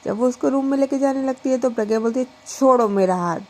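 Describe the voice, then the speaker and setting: A woman telling a romantic story in an unhurried, conversational way, stressing points by repeating them. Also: high-pitched, steady tone, dark tone.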